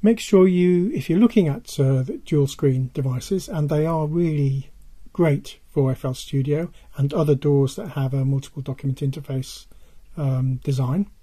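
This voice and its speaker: An older man presenting casually in a halting way, his hoarse, worn voice giving out as he stresses his points. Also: on the high side, dark tone. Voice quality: husky, dull and worn. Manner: halting, repeats points for emphasis. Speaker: presenter of a music tech video. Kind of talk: casual product-advice talk.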